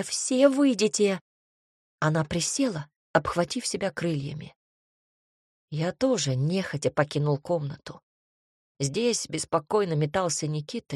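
A woman narrating a fantasy storybook with an even, expressive reading. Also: low voice, breathy edge, no room sound, clean studio sound. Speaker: audiobook narrator.

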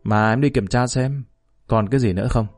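Man doing a calm, cynical male lover. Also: medium pitch, brisk, no room sound, faint music behind, close to an everyday voice.

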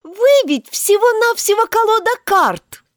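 A woman's voice: high voice, big pitch swings, measured pace, no room sound, studio quality, pitched above the performer's own voice. A woman voicing a bold, outspoken young girl in a storybook reading. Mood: defiant. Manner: defiant, indignant.

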